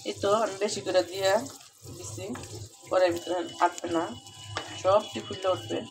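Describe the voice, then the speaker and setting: Here the Bangladeshi-accented mother speaks at normal speed in a medium pitch with a flat delivery. She chats colloquially to viewers in a casual home cooking vlog, partly while frying in her kitchen, on a noisy recording with clicks.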